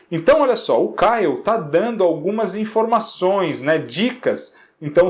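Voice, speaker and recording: A man's voice: high voice, darkish tone. A male teacher from Brazil patiently walking students through an English exercise in Portuguese, checking in with constant rhetorical questions.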